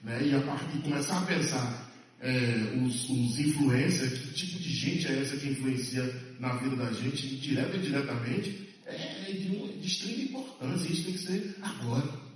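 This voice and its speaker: At a press conference, a man who acts on stage and TV talks emphatically and passionately, repeating phrases to drive his points home. He comes from Salvador, Bahia, Brazil, and speaks at a normal speed with a medium pitch, recorded from a distant mic in an echoey hall.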